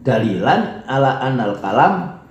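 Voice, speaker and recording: Slow-spoken Indonesian man teaching Arabic. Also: medium pitch, big pitch swings, a little hiss or hum. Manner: slow, reads Arabic text aloud and explains it line by line; acts out example sentences with rising and falling intonation. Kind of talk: classroom lesson. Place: classroom. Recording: echoey room, dull lo-fi sound.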